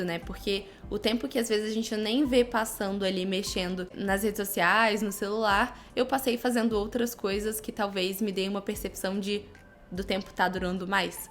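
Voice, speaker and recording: A woman's voice: on the high side, slight background noise. A young adult woman with a Brazilian accent, talking casually and explaining things to viewers in a vlog. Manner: explanatory, conversational. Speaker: content creator hosting a habit-testing vlog.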